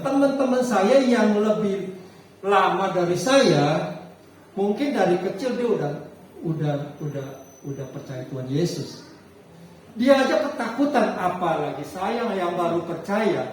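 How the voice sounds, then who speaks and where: A man preaching a sermon as a pastor, telling a personal story in an animated way with frequent halting restarts. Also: sits high. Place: church hall. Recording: echoey hall, distant mic, faint noise.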